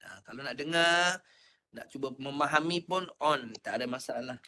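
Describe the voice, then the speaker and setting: A man with a Malaysian Malay accent teaching Quran recitation in an online class, patient and coaching, demonstrating sounds slowly. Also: mid-range voice, pushed and bright, slight background noise.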